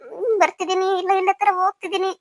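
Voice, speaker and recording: A woman's voice: very high-pitched, fairly even intonation, fast, dry recording, clean studio sound. A woman voicing an anxious pregnant young wife in a cartoon story, talking in a tearful, pleading way. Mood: worried, tearful.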